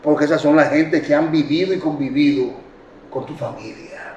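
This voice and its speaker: A man's voice: fairly high pitch, fairly even intonation, a little mellow, a little hiss or hum. Impassioned Dominican man, echoey room. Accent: Dominican Spanish. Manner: impassioned, storytelling, rapid bursts. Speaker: speaker addressing journalists. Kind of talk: emotional public talk. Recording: echoey room from far off, dull sound.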